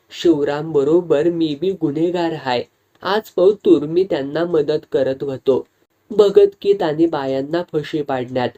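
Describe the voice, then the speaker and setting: Simple wary village guy talking plain rustic talk, a storyteller putting him on, low mellow voice. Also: natural voice.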